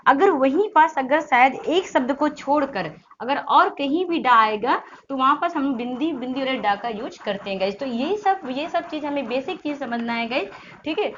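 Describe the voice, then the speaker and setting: Brief: high-pitched woman teacher, exam-prep lesson, repeats points and quizzes students, dull lo-fi audio with faint hiss. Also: animated, normal speed. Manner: repetitive, explains with questions to students. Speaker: Hindi teacher. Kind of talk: online exam-prep class.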